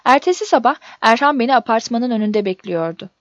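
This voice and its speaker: A woman reading a first-person story aloud in a steady, measured audiobook narration. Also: a little high, no echo. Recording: dull dry recording.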